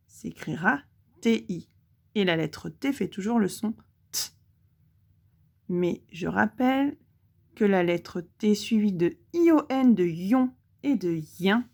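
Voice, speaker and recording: A woman teaching a lesson for young children with a French accent, speaking clearly and pausing to let the child answer. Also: medium pitch, darkish tone. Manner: slow, clearly articulated, pauses for the child to answer. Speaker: primary school teacher.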